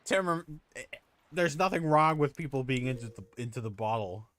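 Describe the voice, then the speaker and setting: A man's voice: medium pitch, expressive, normal speed, a bit bright. A man streaming a video game live, joking with chat in a casual, self-mocking way while he plays. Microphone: home streaming mic.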